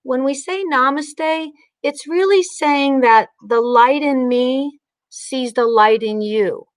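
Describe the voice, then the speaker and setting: Slow-paced woman guiding mindfulness. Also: sits high, dry recording. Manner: unhurried, instructional, with pauses. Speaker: mindfulness and breathing teacher. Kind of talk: guided breathing meditation and informal spiritual talk.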